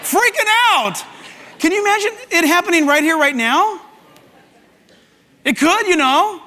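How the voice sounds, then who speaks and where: A man preaching a sermon as pastor to a church, animated and acting out voices as he goes. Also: very high voice, moderate pace. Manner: animated, acts out voices and quotes. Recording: hall with long reverb.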